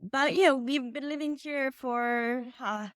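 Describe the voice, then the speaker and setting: Brief: Polish-born woman in her thirties, high, smooth, dry voice, halting interview answers. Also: dry recording. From Poland. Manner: halting, many restarts. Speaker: author guest. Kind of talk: casual interview.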